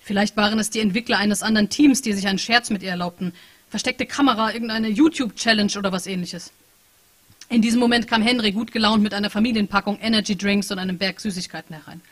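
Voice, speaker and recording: A woman author reading her novel aloud in a bookshop, calm and even between the dialogue. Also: mid-range voice, fast talker. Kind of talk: live book reading.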